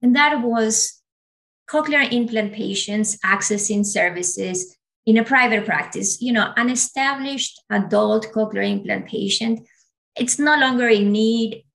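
A woman's voice: mid-range voice, gravelly, a bit bright, rough recording. A woman in her forties from Ecuador, a native Spanish speaker, explaining her work as an audiologist in an interview with fillers and restarts. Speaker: audiologist guest.

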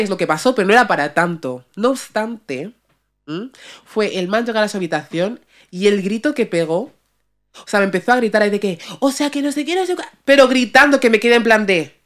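A woman podcast host casually telling a personal story, chatty and slangy, dropping in English words. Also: mid-range voice.

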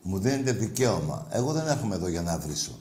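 A man hosting a sports call-in radio show, answering callers with gruff, clipped, teasing replies. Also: low-pitched, big pitch swings, darkish tone, reverberant.

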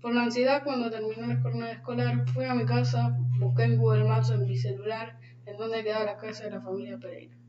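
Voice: medium pitch, flat delivery, a little fast, lo-fi sound. A storyteller earnestly reading a first-person story aloud at an uneven pace. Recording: roomy, from far off, faint noise.

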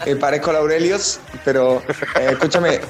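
A man's voice: on the high side, slow, soft background music. Hungover man co-hosting a podcast. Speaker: podcast co-host. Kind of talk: casual chat over video call.

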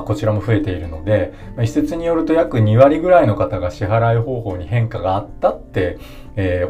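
A man with a low, mellow voice hosts a solo podcast in a calm, polite explanatory tone. Soft guitar music plays faintly behind him. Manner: calm, polite explanatory delivery listing points. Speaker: podcast host.

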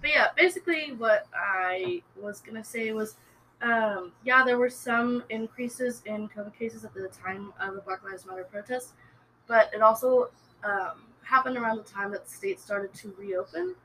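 A woman's voice: on the high side, normal speed, sharp tone, a little hiss or hum, low-quality recording. Hesitant young woman explaining. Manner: hesitant, many ums and likes. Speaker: podcast co-host. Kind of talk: casual chat.

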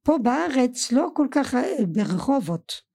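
A woman's voice: sits high, very animated, creaky, mellow. A middle-aged woman whose native language is French, casually recalling family life as a guest in conversation. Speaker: guest, mother of the host.

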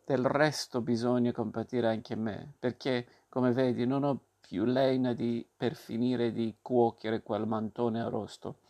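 A man reading aloud and voicing a gruff, rasping male puppet master who blusters and barks orders while sneezing. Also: mid-range voice, fairly even intonation, measured pace, hardly any pauses, darkish tone, lightly acted. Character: gruff bearded male puppet master, bluff but soft-hearted. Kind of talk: audiobook reading.

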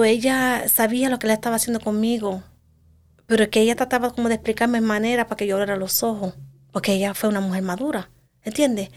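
Woman guest, personal testimony, earnest, halting, restarts, mixes in English words. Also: fairly high pitch, darkish tone. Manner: drops English words into her speech. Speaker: guest sharing her story.

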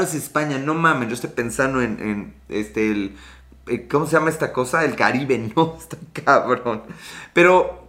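A man's voice: fairly high pitch, sharp tone. A Mexican man in his late thirties hosting a casual livestream, reading viewer comments in a scattered, joking, profane way. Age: late 30s. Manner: rambling, scattered, swears often. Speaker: livestream host.

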